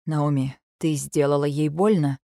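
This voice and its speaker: A woman's voice: sits low, fairly even intonation, unhurried, gravelly, dark tone, dry recording, clean studio sound. Woman voicing a worried, insistent husband. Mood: firm. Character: worried young husband, gentle but firm.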